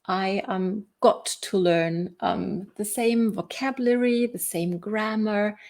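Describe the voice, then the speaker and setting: Speaking slowly with a medium-pitched, darkish voice, a motivational coach and video host delivers her talk. German is her first language, and she chats conversationally while asking rhetorical questions to win agreement.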